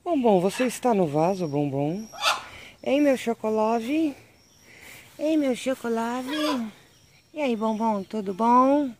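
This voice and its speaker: A woman's voice: a little high, animated, slow, background noise. A Brazilian woman vlogging outdoors, filming on a handheld phone and baby-talking affectionately to her animals. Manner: affectionate, coos and baby-talks to pets. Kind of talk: casual vlog narration while filming. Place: outdoors among animal pens and a vegetable garden. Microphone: handheld phone camera.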